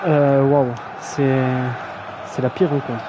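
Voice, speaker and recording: A man's voice: mid-range voice, little pitch movement, takes it slowly, muffled recording, noisy background. A young man casually commentating a video game match on a live stream, slangy and self-mocking, often stumbling over player names.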